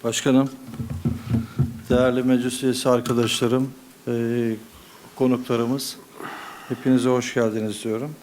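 A man speaking from a podium microphone as a budget committee member, giving a measured, formal explanation with frequent hesitations. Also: mid-range voice, level tone, darkish tone, slight background noise. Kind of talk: formal council address.

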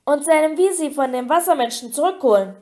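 A woman voicing a small, eager male house-elf who squeaks and talks about himself in the third person. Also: expressive, fairly quick, darkish tone. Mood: insistent.

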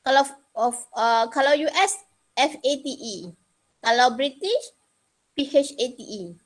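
A woman's voice: high-pitched, lively intonation, unhurried. A middle-aged woman with a Malaysian Malay accent teaching an informal online lesson, chatty, repeating points and mixing in English terms. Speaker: chemistry teacher. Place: indoors, on a video call.

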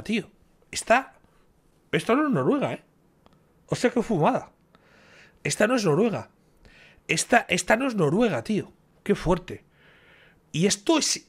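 Man from guessing aloud, slightly high. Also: sing-song, normal speed, long pauses, breathy edge. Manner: thinks aloud, repeats guesses, cheers himself on. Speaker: streamer reacting to a quiz. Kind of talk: casual reaction commentary. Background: quiz background music.

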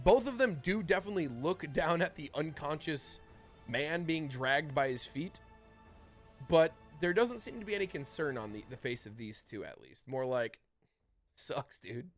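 A man's voice: on the high side, animated, moderate pace, faint music behind. A man narrating a tabletop fantasy game as the game master, in loose, rambling narration full of restarts. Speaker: dungeon master.

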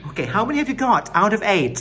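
A man's voice: high voice, very animated, extremely slow, crowd noise. A man teaching English with a Thai accent, encouraging his students and switching between English and Thai in a casual classroom manner.

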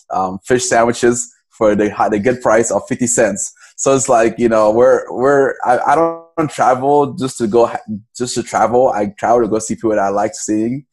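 A man's voice: fairly low pitch, a little mellow. A young man from Cameroon, a podcast guest, talking casually in a loose, rambling way with many restarts. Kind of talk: casual interview.

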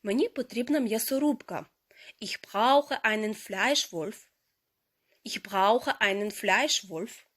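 A woman teaching a language lesson, explaining grammar step by step and saying each foreign word slowly and carefully. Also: mid-range voice, a bit bright. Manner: slow, careful pronunciation of foreign words.

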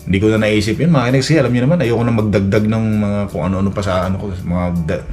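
Lalaking mababa ang boses, nagkukuwento. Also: male voice, lowish voice, a little mellow. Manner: rambling, many restarts and fillers, acts out quoted dialogue. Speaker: vlogger. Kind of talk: casual storytelling vlog. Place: Edmonton, Canada. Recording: faint music behind.

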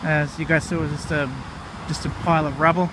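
A man's voice: fairly high pitch, fast talker. A man with an Australian accent hosting a casual vlog, talking chattily with fillers as he walks outdoors on an old railway platform. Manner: chatty, relaxed, with fillers and "righto". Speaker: vlog host. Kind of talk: casual walking vlog narration. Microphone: handheld camera mic while walking. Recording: outdoor camera audio with clear insect noise.

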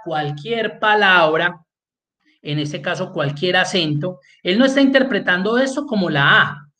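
A man's voice: high-pitched, fairly bright tone. Man explaining spreadsheets step by step. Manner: explains step by step, checks in with students. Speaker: spreadsheet course instructor. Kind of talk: online class lecture.

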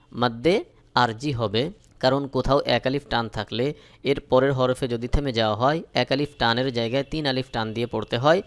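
A man from Bangladesh teaching Quran reading, spelling out letters and reciting verses in slow, drawn-out melodic chant between plain explanations. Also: mid-range voice.

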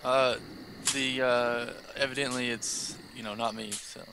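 A hungover man with a raspy voice and halting delivery, chatting casually while gaming with friends. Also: medium pitch, flat delivery. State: hungover after drinking. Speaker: online gaming group member. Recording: background noise, crickets and game ambience.

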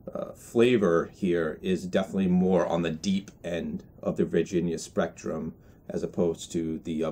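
A man in his twenties giving a casual video review in a measured, hesitant way, pausing to find words. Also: low voice, darkish tone. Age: 20s. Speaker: product reviewer. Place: indoors in a small room with bookshelves.

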